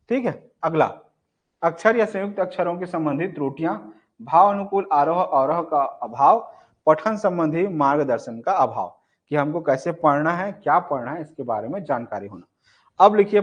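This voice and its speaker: A male teacher giving a live exam-prep class, explaining step by step, often checking whether students understand, and showing points with a book in his hands. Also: a little high. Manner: explanatory, repeats "ठीक है" and quiz questions; demonstrates with gestures and a book. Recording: dull lo-fi sound with faint noise.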